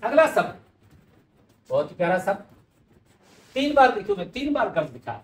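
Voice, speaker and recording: A man's voice: sits high, sing-song, moderate pace. A man teaching Hindi spelling in a conversational way, repeating each word as he writes it out on a board. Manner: conversational, repeats words while writing. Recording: echoey room with faint ambient noise.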